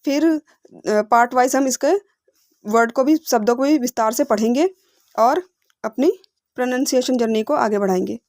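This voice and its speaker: A woman teaching English phonics, explaining patiently, repeating words slowly and asking rhetorical questions. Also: a little high, a little mellow, no echo, studio quality. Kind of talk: explanatory lesson.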